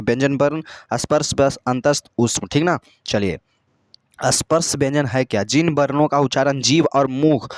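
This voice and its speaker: A man's voice: medium pitch, no room sound. A male teacher giving a grammar lesson, repeatedly asking and answering his own questions while coaxing students with pet names. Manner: repetitive call-and-response questioning.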